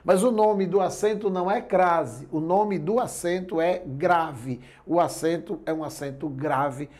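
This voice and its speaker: A man's voice: sits high, a little mellow. A male Portuguese grammar teacher giving a classroom lecture in a Brazilian accent, explaining step by step and often checking that his listeners follow.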